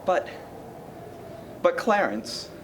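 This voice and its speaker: A man plays a desperate husband on a stage, begging and demanding by turns. His voice sits high and swings widely in pitch, with a faint hiss in the background. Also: big pitch swings, extremely slow, heavily acted. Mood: bewildered. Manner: pleading, frantic. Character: desperate young husband at wit's end. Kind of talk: amateur stage acting.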